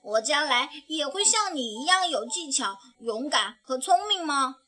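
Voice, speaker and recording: A woman voicing an eager, curious little bear cub in a children's storybook reading, asking excited wide-eyed questions. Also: high voice, unhurried, exaggerated voice.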